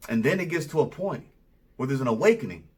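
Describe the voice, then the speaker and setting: A man's voice: medium pitch, expressive, fast talker, recorded from a distance. A male vlogger giving a rambling, conversational opinion monologue to the camera.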